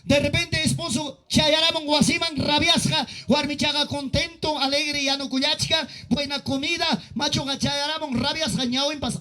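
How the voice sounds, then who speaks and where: Male pastor with an Andean Peruvian accent; high, piercing voice; impassioned sermon that swings from shouts to low tones. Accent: Peruvian Andean Spanish mixed with Quechua.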